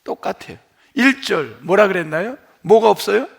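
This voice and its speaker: Lively, gravelly-voiced man preaching. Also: moderate pace. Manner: asks the congregation questions, then answers them; falls to quiet, low endings after emphatic phrases. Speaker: pastor. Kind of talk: sermon. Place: church sanctuary.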